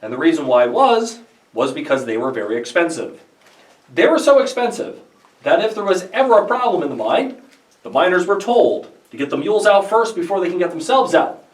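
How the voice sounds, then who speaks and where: Lively, high-voiced man guiding a mine tour. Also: a little fast, far from the mic. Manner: lively, plain step-by-step explaining with gentle jokes. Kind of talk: guided tour explanation. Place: underground coal mine tunnel. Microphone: visitor's handheld camera from a few steps away. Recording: echoey mine tunnel, voice from off-mic.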